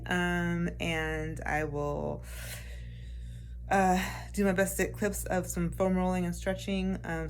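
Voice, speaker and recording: A woman's voice: lowish voice, a bit bright, a little hiss or hum. A woman in her late forties rambling casually in a personal vlog, with frequent fillers and restarts. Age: 40s. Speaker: vlogger.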